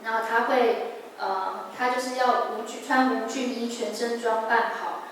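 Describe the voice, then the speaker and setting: A young woman with a Taiwanese Mandarin accent giving a personal testimony at a church service, earnest and halting with restarts. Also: fairly high pitch, steady tone, a bit bright, a little hiss or hum. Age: young adult. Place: large church hall. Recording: echoey hall, mic far off.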